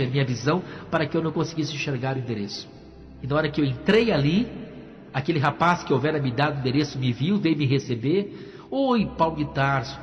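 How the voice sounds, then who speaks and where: A man telling his testimony in a sermon, storytelling dramatically and speaking to the crowd. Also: on the high side. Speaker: guest preacher giving testimony. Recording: dull lo-fi church hall with music.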